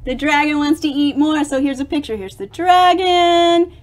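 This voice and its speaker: With a high voice, a middle-aged woman brings a picture book to life for young listeners in a theatrical, expressive style. She pauses along the way to explain things, adding dramatic emphasis.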